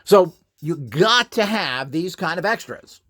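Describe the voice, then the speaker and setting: Here a man with a bright, forceful voice on the high side speaks at a measured pace, his intonation lively. Presenting upgrade gear for sale, he rambles through a casual tutorial, bluntly pushing his opinions with emphasis and sneering at rivals.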